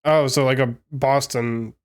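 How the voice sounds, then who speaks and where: A man's voice: mid-range voice, fairly even intonation, measured pace, smooth. A man from Alabama with a Southern US accent, co-hosting a casual podcast chat in a blunt, teasing manner. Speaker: podcast co-host.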